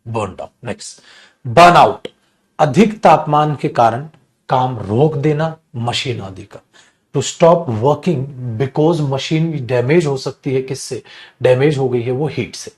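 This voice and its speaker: Slow-spoken teacher man. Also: mid-range voice, darkish tone. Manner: mixes Hindi and English, addresses students as "beta"; repeats each phrase slowly, then explains it quickly. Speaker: English teacher. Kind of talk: classroom lecture.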